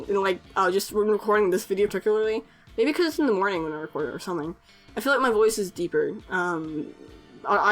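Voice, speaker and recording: In a fairly bright mid-range voice, this young artist-animator YouTuber casually talks over her editing footage. She sounds unsure of herself, using lots of fillers and self-conscious laughter.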